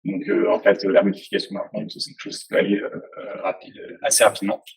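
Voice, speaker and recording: A man's voice: on the low side, monotone, brisk, vocal fry, husky, poor audio. A man giving a casual technical presentation, hesitant, with many fillers and restarts. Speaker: presenter at a tech talk.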